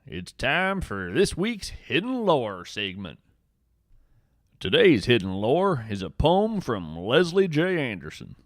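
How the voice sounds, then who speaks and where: In a scripted fiction podcast, a man voices a whimsical yet earnest veteran naturalist and adventurer, narrating with theatrical, deliberate phrasing. His mid-range voice swings widely in pitch, and the mood is playful and inviting. The studio sound is clean, with no echo.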